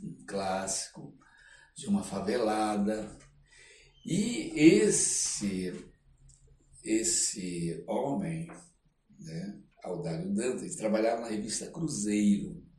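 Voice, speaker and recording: With a fairly low, darkish, sing-song voice, an older man of Brazilian accent tells stories slowly and pauses often. He is a theatre artist and writer guesting on a podcast, acting out quoted dialogue and checking in with frequent tag questions in animated, casual conversation. Roomy echo, a distant mic and faint noise mark the audio.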